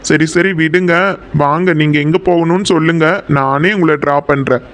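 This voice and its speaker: A man's voice: fairly high pitch, steady tone, moderate pace, fairly bright tone, close to an everyday voice. A man voicing a flustered village man in a cartoon who keeps apologizing and pleading, speaking with a Coimbatore Tamil accent. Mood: apologetic. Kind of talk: cartoon voice acting.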